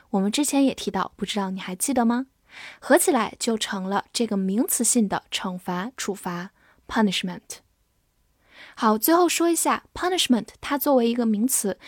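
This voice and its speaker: Woman teacher going over english words, spells them out slow, kinda high voice, dead dry mic. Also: dry recording. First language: Chinese. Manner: spells words letter by letter and reads example sentences slowly. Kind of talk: vocabulary lesson.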